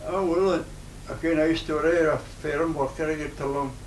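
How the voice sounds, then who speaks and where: A man in his nineties with a broad Scottish accent, reminiscing informally in a halting, rambling way in dialect. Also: a little high, fairly even intonation. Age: 90s. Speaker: interviewee, retired farm worker. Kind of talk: informal oral-history reminiscence. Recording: roomy, noisy, distant microphone.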